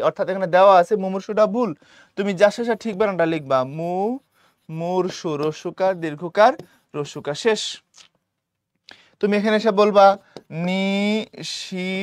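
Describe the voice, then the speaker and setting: A man's voice: sits high, dry recording, clean studio sound. A young man teaching an exam-prep lesson, speaking colloquially, repeating key points and often checking that students understand.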